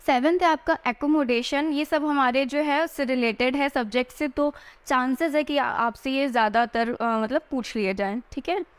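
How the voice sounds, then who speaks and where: High-voiced woman teaching spelling. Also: smooth. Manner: spells words out letter by letter, slowly; frequent "theek hai" check-ins. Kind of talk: exam-prep spelling lesson.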